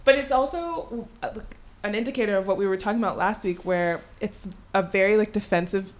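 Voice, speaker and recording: A woman's voice: medium pitch, brisk. Woman on a podcast, casual n opinionated, really emphatic, swears a bit. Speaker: podcast co-host. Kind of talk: casual, animated opinionated chat.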